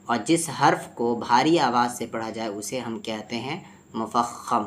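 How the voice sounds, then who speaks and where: A man with a medium-pitched voice teaches tajweed, explaining how letters sound. He recites slowly, one phrase at a time, so his student can repeat after him.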